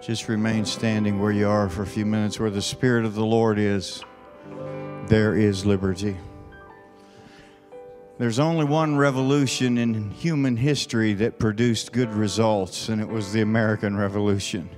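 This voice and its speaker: A middle-aged man preaching a sermon as pastor, emphatic and building to forceful declarations. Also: fairly low pitch, fairly even intonation, normal speed. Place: large church sanctuary, on stage. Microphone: handheld mic, then pulpit mic. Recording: long church hall reverb with faint music.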